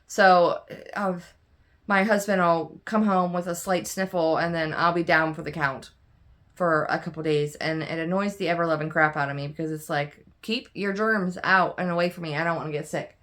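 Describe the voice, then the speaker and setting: A woman's voice: lowish voice, fairly even intonation, moderate pace, fairly bright tone. Tired, rambling woman vlogger. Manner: rambling, candid, many fillers and restarts. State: tired, yawning. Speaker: cross stitch vlogger. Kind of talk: casual chat to camera.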